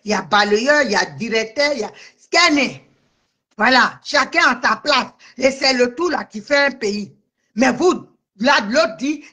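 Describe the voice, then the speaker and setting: A woman delivers a heated live-stream rant in a bright, forceful voice. She is agitated, repeats herself and answers commenters by name. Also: fairly high pitch. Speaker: livestream host.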